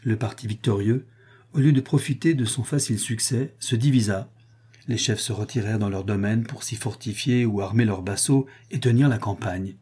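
A man reading a historical narrative aloud in a measured way, rising for dramatic passages. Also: fairly low pitch, warm tone, breathy edge.

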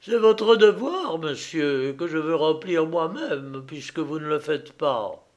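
A man reading an audiobook, voicing a stern, dignified old father who speaks gravely and formally. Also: fairly high pitch, expressive, takes it slowly, pitched above the performer's own voice.

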